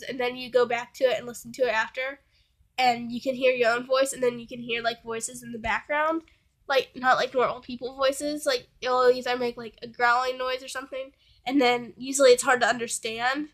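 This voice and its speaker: A high-pitched young woman talks to camera in a loose, rambling storytime chat, leaning on filler words at every turn. She sounds under the weather, like someone home sick. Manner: rambling, fills with "like" constantly. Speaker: vlogger.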